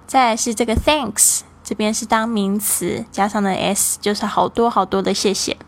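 Woman, taiwanese mandarin accent, cheerful english teacher, mid pitch, slows for examples. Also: fairly even intonation. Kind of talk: online language lesson.

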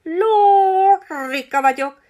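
A woman voicing a vain, boastful budgie parrot in a storybook reading, with a shrill screech and slow sing-song self-praise. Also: darkish tone. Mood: chanting proudly.

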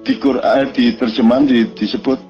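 A man's voice: mid-range voice, steady tone, moderate pace, muffled recording, soft background music. A man from East Java with an East Javanese accent, giving an informal religious lecture in a rambling, conversational way full of rhetorical questions. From East Java, Indonesia. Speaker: religious speaker.

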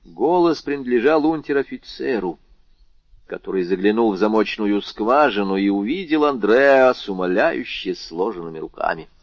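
A man narrating an audiobook with dramatic, expressive storytelling. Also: lowish voice, moderate pace, no echo. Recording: dull lo-fi recording.

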